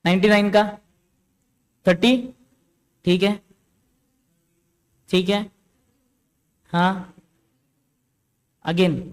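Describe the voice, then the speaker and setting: A man with a fairly high voice teaches a class, working through a problem one step at a time. He keeps stopping to ask whether the students have understood, and his carries an influence. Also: little pitch movement, very slow, long pauses. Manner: explains step by step, checks with the class. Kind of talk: classroom lecture.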